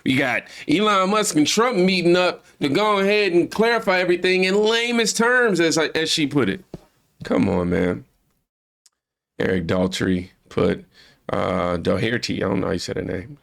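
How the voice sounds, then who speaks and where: A man's voice: a little high, moderate pace, vocal fry, fairly bright tone. A man hosting a reaction video who talks loosely and rambles, speaking straight to his viewers. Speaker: YouTube reaction host. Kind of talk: casual reaction commentary.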